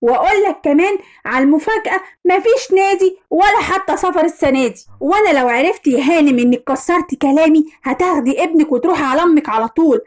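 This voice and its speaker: A woman's voice: high-pitched, lively intonation, fast talker. A woman with an Egyptian accent voicing a hot-tempered middle-aged father who scolds his family. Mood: angry. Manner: scolding, shouting in anger.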